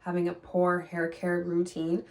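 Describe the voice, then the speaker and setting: A woman's voice: lowish voice, completely flat delivery, unhurried, far from the mic. A woman giving hair care advice in a vlog, speaking in an emphatic, reassuring coaching tone that repeats key points. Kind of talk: direct-to-camera advice vlog.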